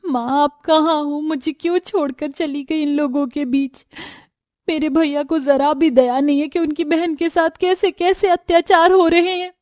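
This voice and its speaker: A woman voicing a frightened young woman in a cartoon story, pleading in high cries. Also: steady tone, normal speed, darkish tone, no room sound, clean studio sound, close to an everyday voice. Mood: tearful.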